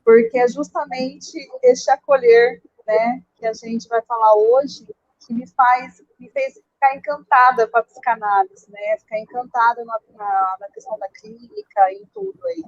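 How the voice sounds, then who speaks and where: Higher-voiced woman, dull call audio. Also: unhurried, no echo. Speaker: psychoanalyst, panelist. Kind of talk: introducing herself on a live panel.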